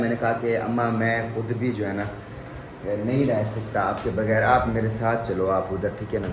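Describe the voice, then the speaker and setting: A man's voice: mid-range voice, background noise. A young man from Pakistan speaking with a tinge, vlogging casually to camera in an earnest, pleading way. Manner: earnest, pleading, repeats "okay?" tags. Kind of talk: casual vlog talk to camera.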